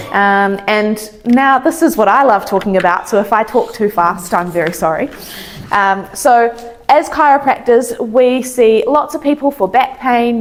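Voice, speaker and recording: A woman with a mid-pitched voice gives an informal educational talk as a chiropractor. She explains health matters in plain, everyday language, as a presenter would to lay listeners. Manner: explains in simple everyday terms.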